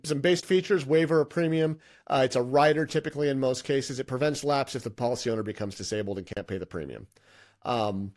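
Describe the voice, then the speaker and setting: A man's voice: medium pitch, a little mellow. Casual male licensing instructor. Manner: conversational, thinks aloud with frequent restarts and fillers. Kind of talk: presenting an exam-prep lesson with slides.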